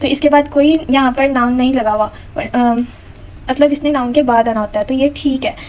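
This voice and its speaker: High-voiced woman teaching grammar. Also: darkish tone, poor audio. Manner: patient, step-by-step, reads examples slowly. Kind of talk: explaining a lecture.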